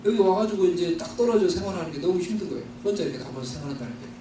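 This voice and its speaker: A man's voice: high-pitched, racing. Male preacher from Seoul, earnest testimony; distant mic in a roomy hall, faint background hum. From Seoul, South Korea. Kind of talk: sermon testimony.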